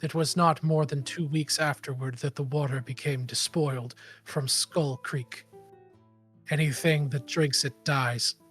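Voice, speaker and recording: Tabletop game huntress leader, male performer: grave, guarded, slow and deliberate, soft music behind. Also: on the high side, fairly even intonation, husky. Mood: grave, measured. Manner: slow, solemn, measured delivery.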